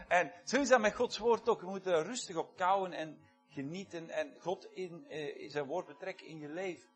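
A man's voice: high voice, moderate pace, a bit bright, faint music behind. A man preaching a sermon, talking conversationally, listing words one by one and asking the congregation questions. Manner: conversational, repeats key words in lists, asks the congregation questions.

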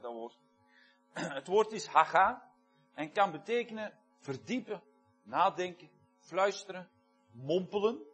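A man's voice: high voice, fairly bright tone, slightly rough. Man preaching a conversational sermon. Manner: conversational, repeats key words in lists, asks the congregation questions.

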